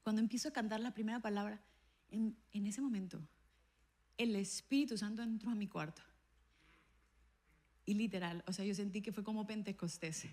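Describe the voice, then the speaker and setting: A woman pastor preaching a sermon and telling a personal testimony, acting out the dialogue in her stories with an animated voice. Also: mid-range voice, normal speed, long pauses. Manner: animated storytelling, acts out dialogue with a raised voice.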